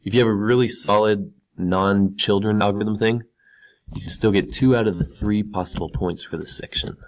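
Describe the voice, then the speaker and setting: A male teacher with a fairly low voice walks through a screen-recorded tutorial. He talks casually as he clicks through each step and repeats key words to drive them home. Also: moderate pace. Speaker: computer science teacher.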